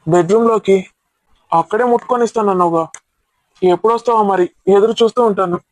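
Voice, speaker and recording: A man with a high voice talks fast, lightly acting the part of a playful middle-aged husband who teases his wife and argues in mock protest. The recording is dry and of poor quality.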